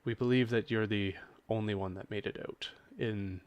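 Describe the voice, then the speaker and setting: A man voicing a kind male lizard man who speaks slowly and carefully. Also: fairly low pitch, fairly even intonation, clear, resonant tone, no echo, natural voice. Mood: reassuring.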